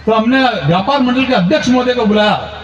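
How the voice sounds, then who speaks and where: A man performing stand-up comic storytelling, animated and playing his relatives in squeals. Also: very high-pitched, fast talker. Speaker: comedian poet. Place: large event stage. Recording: roomy far-off lo-fi stage recording.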